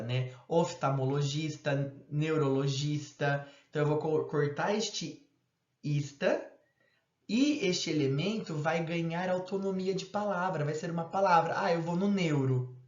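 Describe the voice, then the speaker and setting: A man giving a recorded lecture, explaining step by step and acting out casual example phrases. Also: on the high side. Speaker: university lecturer. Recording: roomy, dull lo-fi sound.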